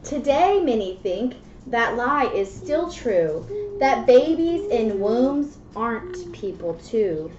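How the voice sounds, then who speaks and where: A slightly high, a little mellow voice with a sing-song lilt and slow pace belongs to a woman in her thirties, a mother who presents read-alouds for children. She reads a picture book aloud and chats with a small child in simple words, often checking in with questions, in a small indoor classroom. The audio comes from a muffled, echoey, noisy webcam.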